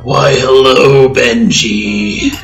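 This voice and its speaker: Guy doing a raspy chain-smoker half-orc lady dealer, flirty, roomy sound, faint music. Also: medium pitch, fairly even intonation, drawn-out words, voice pushed up. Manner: husky smoker's drawl, flirtatious.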